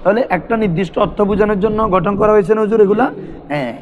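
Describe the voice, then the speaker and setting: A man's voice: high voice, fast talker, narrow, tinny audio, a little hiss or hum. A man teaching a classroom grammar lesson, asking his students questions and repeating terms for them to answer. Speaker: madrasa teacher.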